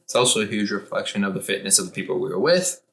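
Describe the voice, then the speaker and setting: Guy vlogging, kinda low voice, wry and rambly, just chatting casual. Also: expressive, quick pace, a bit bright, slight background noise. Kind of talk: casual vlog chat. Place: inside a tent.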